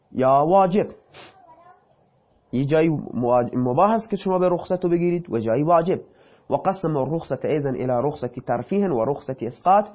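A man's voice: a little high, muffled recording. A man teaching a lesson who reads a passage aloud, then explains it in plain, casual speech. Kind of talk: reading and explaining a text.

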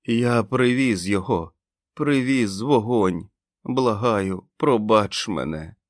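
A man's voice: mid-range voice, takes it slowly, no room sound, studio quality, pitched above the performer's own voice, close to an everyday voice. A man voicing an ecstatic, radiation-burned male madman who raves, shrieks and pleads. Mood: ecstatic raving.

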